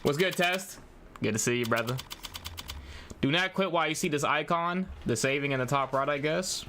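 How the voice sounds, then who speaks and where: With a slightly high, pushed and bright voice at a moderate pace, this young game streamer chats casually as he plays, over slight background noise. He uses slang and calls his chat bro and y'all as if they were pals.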